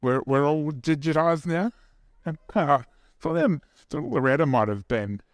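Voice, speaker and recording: He has a fairly high voice with lively intonation and takes his time. In a dry, clean studio recording, this New Zealand preacher delivers an informal church sermon, making fun of himself and chatting with the congregation.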